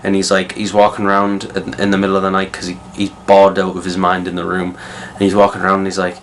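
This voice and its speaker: A young man with a low, deep voice reviews a film in loose, casual talk. He rambles, circling back with plenty of fillers and false starts. A faint hiss sits under his voice. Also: completely flat delivery, quick pace. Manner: rambling, many fillers and restarts. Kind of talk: casual spoken movie review.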